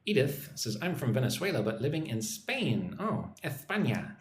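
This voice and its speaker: Here an American man hosts an informal English-teaching livestream, reading comments aloud, replying to them, and greeting people in a chatty style. His mid-range voice moves through big pitch swings at a moderate pace. The recording carries a roomy echo and faint background noise.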